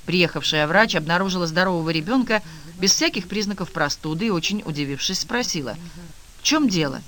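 A man reading a novel aloud in an even, measured narration. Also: sits high. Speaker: audiobook narrator. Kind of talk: scripted narration.

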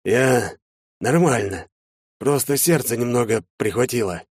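A male audiobook narrator voicing an ailing older man with a failing heart, hoarse, strained and halting. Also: medium pitch, no echo, clean studio sound, voice pushed up, lightly acted. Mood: strained, pained. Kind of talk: audiobook character voice.

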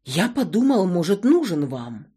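A woman playing an apologetic simple young man, animated, husky, storybook. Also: on the low side, measured pace, heavily acted. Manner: apologetic, plain.

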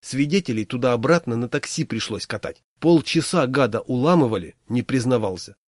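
A man's voice: mid-range voice, lively intonation, fairly quick, no echo, close to an everyday voice. A man voicing a grumpy, vengeful male coworker who grumbles angrily. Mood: grumbling. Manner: grumbling, bloodthirsty.

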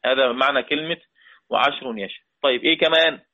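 A man with an Egyptian accent teaching a lesson on Quran recitation rules, quoting verses slowly and then explaining them quickly in colloquial speech while quizzing his students. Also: medium pitch. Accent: Egyptian Arabic. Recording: tinny phone-like audio.

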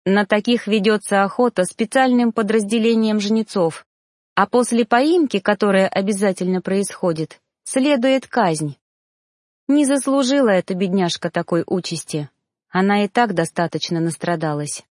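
A woman narrating a first-person audiobook in a measured, even reading voice. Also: mid-range voice, dry recording, studio quality.

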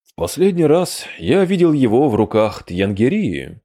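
A man voicing a cautious male mage who speaks in a low, subdued and measured way. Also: very animated, mellow. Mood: guarded.

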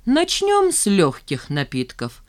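A composed male friend , as an audiobook reader puts him on, speaks in a measured, matter-of-fact voice. He reasons things out calmly and sternly, and the pitch stays in a middle range. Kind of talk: audiobook character voice.

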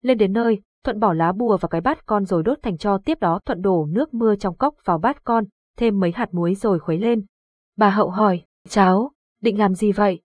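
A woman's voice: mid-range voice, fairly quick, slightly rough, no echo. Woman reading a ghost story. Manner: steady storytelling. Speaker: audiobook narrator. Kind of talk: scripted horror narration.

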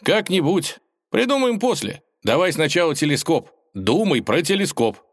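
A man voicing the boy hero Ivan in a storybook reading, excited and bossy. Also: on the high side, moderate pace, voice pushed up. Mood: urging.

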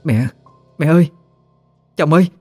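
A man's voice: measured pace, dark tone, faint music behind. A man voicing a terrified young wife who sobs and pleads as she calls out for her family in a spooky story. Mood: frightened. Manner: sobbing, pleading high calls.

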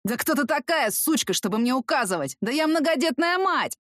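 Brief: woman reader doing a hoarse boozy mother, crude and shrill, pitched up, lively swings. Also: fairly quick, no room sound, studio quality. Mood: defiant. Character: harsh drunken neglectful mother, coarse and whining.

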